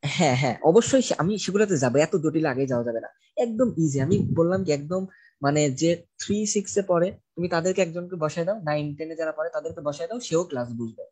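A man's voice: fairly high pitch, animated, fast talker, darkish tone, breathy edge. A man teaching an online chemistry class, asking questions and repeating the key answers to his students. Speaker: chemistry tutor.

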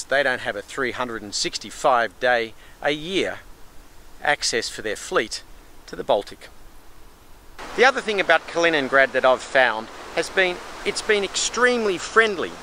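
A man's voice: medium pitch, sharp tone. A middle-aged man giving an informative travel vlog narration. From Australia. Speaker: travel vlogger. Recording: faint outdoor background noise.

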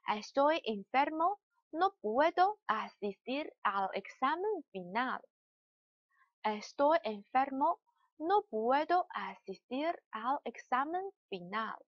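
Female teacher, high voice, patient repeat-after-me drills, dry slightly muffled sound. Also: big pitch swings, dry recording. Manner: slow, repeated word drills. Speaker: language teacher. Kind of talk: lesson.

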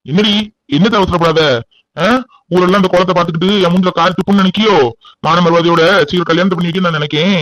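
ஒரு ஆண் நடிக்கும் கோபமான கண்டிப்பான கிராமத்து அப்பா. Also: male voice, high-pitched, steady tone, very fast, fairly bright tone, dry recording, rough recording. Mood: angry scolding. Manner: harsh, scolding, threatening. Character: stern, angry village father, middle-aged. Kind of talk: cartoon voice acting.

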